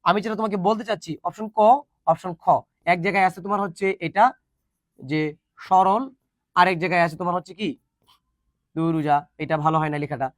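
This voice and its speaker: Fast-talking high-voiced male teacher. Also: steady tone, fairly bright tone, no echo, clean studio sound. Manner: joking asides, colloquial Bangla, drills pronunciation. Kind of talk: online exam-prep lesson.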